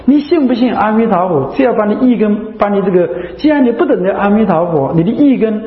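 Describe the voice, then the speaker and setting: A man's voice: sits high, lively intonation, fast talker. A man, a Buddhist monk, giving a chatty, repetitive dharma talk full of rhetorical questions. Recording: echoey hall, dull lo-fi sound.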